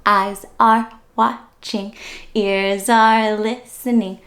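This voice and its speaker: Speaking extremely slowly in a level, medium-pitched voice with a fairly bright tone, a woman hosts an interactive read-aloud for young children. She talks right to them, asking questions and putting on exaggerated wonder as their story-time reader.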